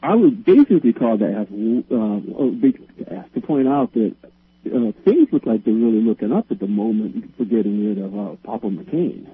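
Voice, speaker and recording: A man with an Ohio accent calling in to a radio show, talking haltingly with many restarts. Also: on the low side, lively intonation, husky, no echo. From Ohio, United States. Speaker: caller. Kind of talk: phone-in call. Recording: tinny phone line.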